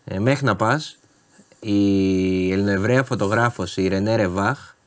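Low-voiced man, wry co-host. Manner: wry, ironic, pushes back calmly. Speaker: radio co-host. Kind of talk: casual talk and event recommendations.

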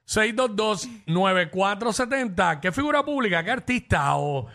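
A Puerto Rican man co-hosts a radio talk show. His voice is high for a man and bright in tone. He teases his partner and throws in quick jokes. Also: expressive. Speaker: radio co-host. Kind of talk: casual radio banter.

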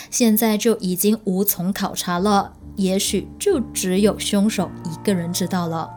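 A woman's voice: on the high side, darkish tone. A woman hosting a true crime show, narrating in a suspenseful, conversational storytelling way and speaking directly to listeners.

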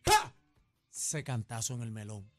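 A man's voice: a little high, a little fast, soft background music. A man with a Puerto Rican accent, telling a story on a radio show and acting out the voices in it. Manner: animated, acts out voices in his story.

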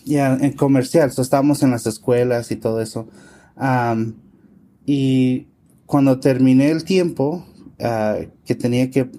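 A man answering interview questions in a relaxed conversation, hesitant with many fillers, slipping words into his Spanish. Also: mid-range voice, a little slow. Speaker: interview guest, scientist and tech consultant.

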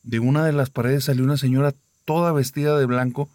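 A man's voice: medium pitch, fairly even intonation, quick pace, darkish tone, no echo, natural voice. A man voicing a frightened young man who stammers. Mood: scared. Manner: shaky and stammering. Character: frightened young man, her reckless boyfriend.

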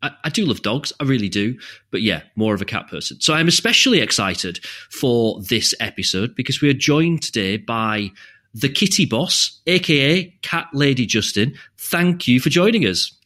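Bright-voiced host, playful. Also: male voice, mid-range voice, very animated, moderate pace. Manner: playful, eager interviewer. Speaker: podcast host. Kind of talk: casual interview chat.

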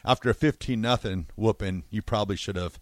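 A man's voice: on the low side, brisk, dry recording. A man co-hosting a radio show, teasing the guest and laughing at his own jokes. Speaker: radio co-host. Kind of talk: sports talk.

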